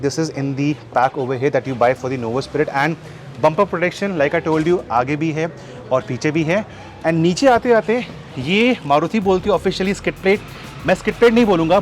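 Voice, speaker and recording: Brief: energetic Indian male car vlogger, slightly high voice, faint music under outdoor walkaround. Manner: mixes Hindi and English, conversational; energetic presenter, frequent uh fillers. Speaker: car reviewer host.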